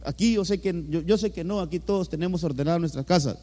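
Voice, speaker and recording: A man with a Honduran accent delivers a sermon from the pulpit in a raised, high voice. He hammers each point by repeating key words and keeps addressing the congregation as brother. His voice rings out with a long reverb through the church hall. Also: fast talker, dark tone. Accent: Honduran Spanish. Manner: emphatic, repeats words, often says "hermano". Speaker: pastor.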